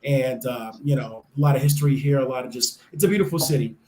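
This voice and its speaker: Chatting enthusiastically in a casual interview, a young adult man from the United States talks at a quick pace in a mid-range, slightly mellow voice. He fills his speech with fillers and restarts, and the room echoes.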